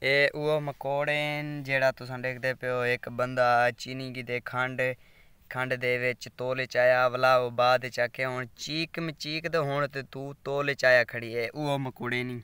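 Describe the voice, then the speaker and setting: A man's voice: medium pitch, little pitch movement, measured pace, pushed and bright, clean tone, dry recording. Chatty Saraiki man vlogging in the fields. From Pakistan. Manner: rambling, chatty, keeps asking viewers to subscribe. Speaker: village vlogger. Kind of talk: casual walking vlog. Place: outdoors among farm fields. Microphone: phone camera.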